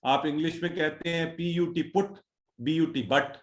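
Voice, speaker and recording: A man's voice: a little high, steady tone, unhurried, reverberant. A male teacher leading an online class, patiently drilling word forms and calling on students one by one. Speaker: Quran Arabic teacher.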